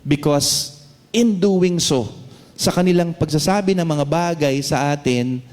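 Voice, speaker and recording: A man with a Filipino accent preaching a sermon, switching between English and Tagalog, reading Bible verses slowly and often checking in with "no?". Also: on the high side, darkish tone. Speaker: pastor. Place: church hall. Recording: long hall reverb.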